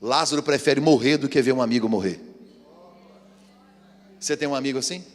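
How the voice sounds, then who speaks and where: Animated preacher man in an echoey hall. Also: a little fast. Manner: animated, acts out quotes in high voices. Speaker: pastor. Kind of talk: sermon. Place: church hall. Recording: echoey hall with long reverb.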